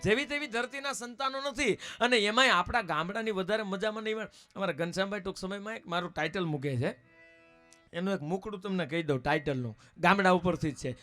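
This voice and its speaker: Folk comic, male, high and bright, brisk anecdotal jokes. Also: soft background music. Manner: brisk anecdotal joke-telling. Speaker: folk comedian. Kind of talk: live folk comedy storytelling.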